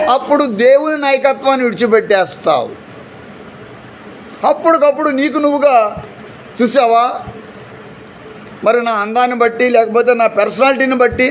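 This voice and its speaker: A man's voice: very high-pitched, dull audio, a little hiss or hum. A man preaching a fervent sermon in a church, asking rhetorical questions and calling out hallelujah. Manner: acts out everyday people in short quoted asides. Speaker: pastor. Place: church during an afternoon service.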